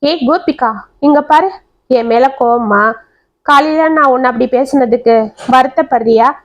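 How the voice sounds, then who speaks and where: A woman doing a calm young husband. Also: high voice, measured pace. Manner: calm, explaining.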